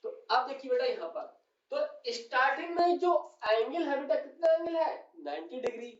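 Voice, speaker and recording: A man's voice: very high voice, animated, normal speed. A male physics teacher explaining on a whiteboard, who keeps calling his students "beta" and asks and answers his own questions. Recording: distant, roomy and dull classroom recording.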